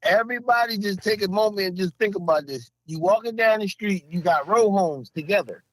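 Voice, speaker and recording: A man's voice: sits high, a little fast, no room sound. A man telling a story in casual podcast chat, emphatic and profane, laughing often. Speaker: podcast co-host.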